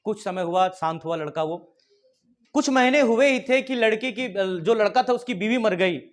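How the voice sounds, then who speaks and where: Animated high-voiced male English teacher. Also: moderate pace. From India. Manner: animated, prompting the class to repeat lines aloud. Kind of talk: classroom lesson with drills and anecdotes.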